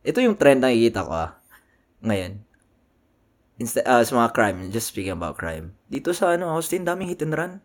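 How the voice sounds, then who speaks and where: A man's voice: medium pitch, very animated, moderate pace. A man co-hosting a casual podcast, chatting in slangy mixed Tagalog and English, swearing often and laughing easily. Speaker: podcast co-host. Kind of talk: casual chat.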